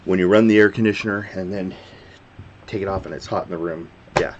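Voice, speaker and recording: A man's voice: low voice, steady tone, a little fast. A man giving casual reaction commentary, rambling and often stopping to restart his sentences. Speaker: reaction video host. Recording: dull lo-fi sound with faint background noise.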